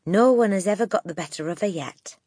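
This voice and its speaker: A woman voicing a gentle but firm woman teacher in an audiobook, speaking in a measured, precise, politely defiant way. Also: medium pitch, breathy edge, no echo, studio quality, pitched above the performer's own voice, lightly acted. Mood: calm, instructive. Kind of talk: audiobook character acting.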